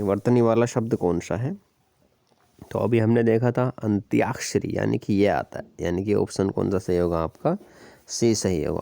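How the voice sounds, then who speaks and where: Male tutor, low mellow voice, exam-prep language lesson, steady explanatory delivery with frequent check-ins. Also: creaky, no room sound. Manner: explains step by step, repeats "ठीक है" and "याद रखिएगा". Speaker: teacher.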